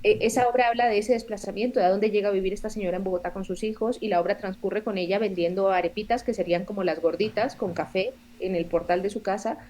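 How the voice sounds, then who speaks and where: A woman in her forties from Colombia, a theatre director and playwright speaking as a podcast guest in a reflective, earnest way, often pausing to search for words. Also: medium pitch, fairly even intonation, dark tone, a little hiss or hum. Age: 40s. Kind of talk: podcast interview conversation.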